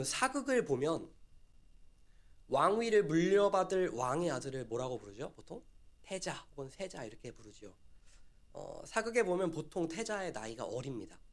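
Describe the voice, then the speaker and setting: A man preaching a sermon, retelling a story and asking his listeners questions. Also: fairly high pitch. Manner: storytelling, acts out quoted dialogue and asks the listeners questions.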